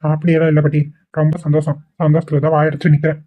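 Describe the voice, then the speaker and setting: A man voicing Kumar, a flat-voiced grumbling young man. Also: a little high, rapid-fire, lightly acted. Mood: exasperated. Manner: muttering, exasperated. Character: grumbling young man burdened by his grandmother. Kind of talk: dubbed cartoon dialogue. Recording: tinny phone-like recording.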